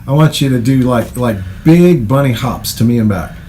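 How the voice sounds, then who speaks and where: A middle-aged male jiu-jitsu instructor with a mid-range voice, giving encouraging orders and counting reps aloud. He coaches in an indoor gym, with clear background noise heard behind him. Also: medium pitch, animated, moderate pace, dark tone. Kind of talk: coaching through exercises.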